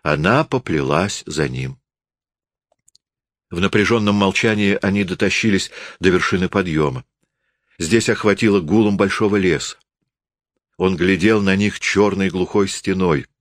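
A man reading a novel aloud as an audiobook narrator, in an expressive storytelling manner. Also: deep voice, a little slow, no room sound, studio quality. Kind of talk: scripted literary narration.

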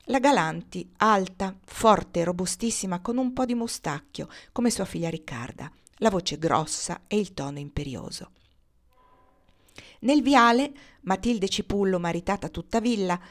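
A woman narrating a classic novel as an audiobook, reading expressively with an occasional soft laugh. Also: on the low side. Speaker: audiobook reader.

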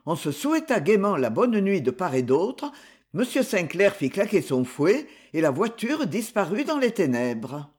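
Lively, high-voiced male storyteller. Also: a little slow, breathy edge. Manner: expressive, dramatic reading. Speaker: audiobook narrator. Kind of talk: storybook narration.

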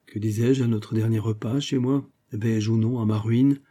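A man's voice: lowish voice, steady tone, normal speed, dark tone, lightly acted. A man reading a classic novel aloud, voicing a proud, commanding French financier with a haughty manner. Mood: grave, hushed. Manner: haughty and imperious.

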